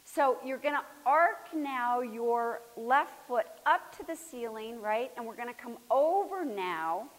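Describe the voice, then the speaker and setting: A woman teaching a floor movement class, coaching students by name with steady encouragement and sometimes dropping to a near whisper. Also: fairly high pitch. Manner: drops to a near whisper at times. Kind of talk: live class instruction. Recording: hissy recording in a reverberant hall.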